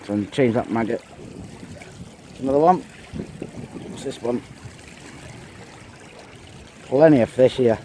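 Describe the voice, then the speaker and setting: An Englishman chats his way through a fishing trip, counting off each catch in a relaxed, mellow voice. He talks to a camera out in the open air by a flowing river, with a faint hiss of wind and water behind him. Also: medium pitch, measured pace, pauses often. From England. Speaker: angler vlogger. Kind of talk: casual running commentary while fishing. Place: outdoors on a windy riverbank, wading.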